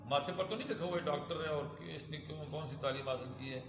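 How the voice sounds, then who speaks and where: A man teaching a religion class as a lively lecture, asking his students questions and having them repeat after him. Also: a little high. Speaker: Islamic teacher. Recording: echoey hall with background noise.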